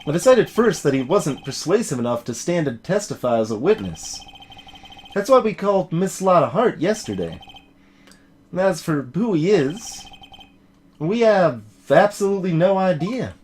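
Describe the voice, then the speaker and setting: A man's voice: high voice, sing-song, normal speed, a little mellow, a little hiss or hum. A man voicing a friendly, blunt police detective with a folksy, chummy manner in a video game let's play. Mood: matter-of-fact.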